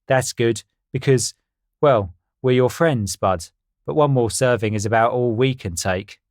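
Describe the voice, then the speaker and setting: A man's voice: medium pitch, unhurried, no echo, clean studio sound, natural voice. A man voicing a weary, polite male bird in a storybook reading.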